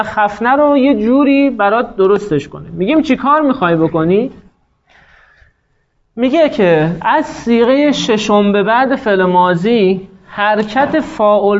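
A man teaching an Arabic grammar class, patiently explaining rules, quizzing students and slowing down to dictate word forms. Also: sits high. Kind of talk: classroom lesson. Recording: dull lo-fi sound.

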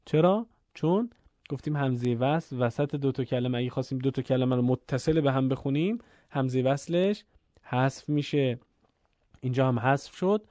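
A man teaching Quran recitation rules in a calm spoken lesson, pausing to chant examples. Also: mid-range voice, dry recording. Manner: explains slowly, then chants Arabic examples.

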